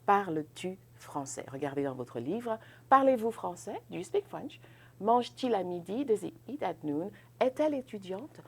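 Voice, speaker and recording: Speaking at a moderate pace in a medium-pitched, sing-song voice with a breathy edge, a woman walks students through a French grammar lesson in English. She exaggerates rising intonation on French questions, keeps asking "ok?", and laughs lightly in this bilingual class.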